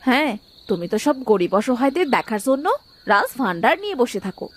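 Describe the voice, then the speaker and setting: A woman voicing a poor, sharp-tongued village wife in a cartoon, scolding and sarcastic in manner. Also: fairly high pitch, very animated, fast talker. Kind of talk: cartoon voice acting.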